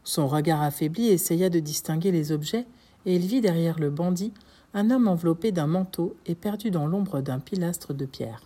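Low, mellow-voiced woman narrator. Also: slightly rough. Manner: measured, expressive reading. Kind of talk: literary audiobook narration.

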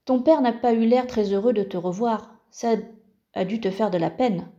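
A woman's voice: a little high, normal speed, warm tone, lo-fi sound, lightly acted. A woman reading the lines of a polite, slightly awkward middle-aged male police inspector in a storybook.

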